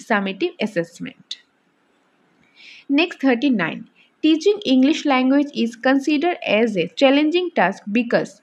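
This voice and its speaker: A woman teacher running an exam practice lesson, reading each English option slowly and then explaining it in Bengali. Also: a little high. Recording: dull lo-fi recording.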